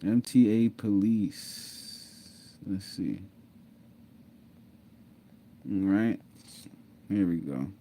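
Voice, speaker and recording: A man's voice: deep voice, expressive, slow pace, dark tone. A man casually telling his own story to viewers, repeating himself, laughing and saying "mind you". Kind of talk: casual storytelling over screen share.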